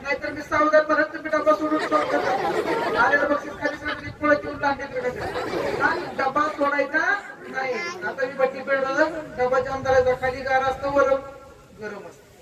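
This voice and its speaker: High-voiced Marathi stage magician barking orders. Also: male voice, flat delivery, moderate pace, very noisy. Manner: commanding, counts and barks drill orders. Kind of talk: live stage patter with children. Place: outdoor birthday event. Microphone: handheld stage mic. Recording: echoey crowd, far from mic.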